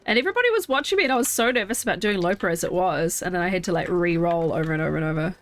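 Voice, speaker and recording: Expressive and racing, a fairly low, fairly bright female voice chats through a live game session at home. The young streamer is congested with a stuffy nose, thinking aloud casually as she plays.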